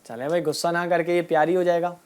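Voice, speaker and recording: A woman teaching a group of children, asking them questions and repeating their answers, and drawing out key words slowly. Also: lowish voice, fairly even intonation, darkish tone, clear, resonant tone. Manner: asks a question, then repeats the answer back. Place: room with children and a passed microphone.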